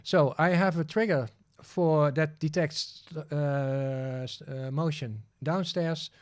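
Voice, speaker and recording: Speaking slowly in a fairly high, clean voice with fairly even intonation, a livestream host from the Netherlands, a native Dutch speaker, guides viewers through a tutorial on screen. The screen-share is casual, and he thinks out loud, often using fillers and restarting.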